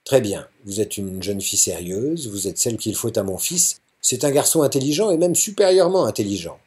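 A commanding middle-aged father barks brisk orders, as a male reader puts him on. The voice has a husky, breathy grain and a lively, swinging pitch. It is read aloud from a novel. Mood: authoritative. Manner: brisk, peremptory.

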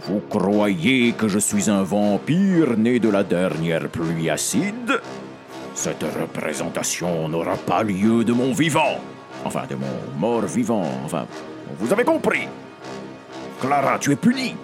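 A man's voice: lowish voice, huge pitch swings, slow pace, over music, full character voice. A man doing a blustering vampire count, Count Gratouille. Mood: furious. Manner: blustering, outraged. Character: pompous, short-tempered male vampire count.

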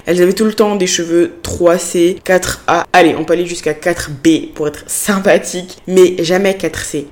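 A woman's voice: on the low side, darkish tone. A young woman hosting a solo podcast, talking candidly and personally, and slipping English phrases into her French. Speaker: podcast host.

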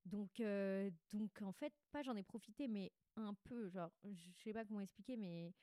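A woman speaks with a stuffy, congested nose. Her voice is mellow, at an average pitch for a woman, and the sound is very dry with no room echo. She chats candidly and slangily, as if confiding a diary, often wandering and correcting herself mid-sentence. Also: moderate pace. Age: 20s. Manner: candid, rambling, self-interrupting. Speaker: podcast host. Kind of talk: casual confessional monologue, chatty and slangy.

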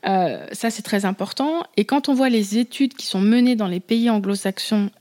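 Woman guest, business founder; measured explanatory talk with hesitations. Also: medium pitch, darkish tone. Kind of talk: casual conversational interview.

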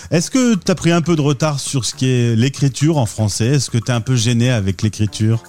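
A man hosting a radio interview, asking relaxed and teasing questions. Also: mid-range voice, brisk, faint music behind. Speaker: radio host.

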